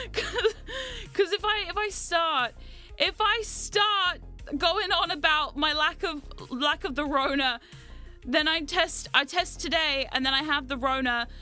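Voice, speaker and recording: A woman livestreamer with a very high-pitched voice chats casually to her viewers, excitable and playfully dramatic. She is jet lagged with a mild sore throat, yet sounds bright and forward as she rambles over faint music. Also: measured pace. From New Zealand. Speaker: VTuber streamer and host.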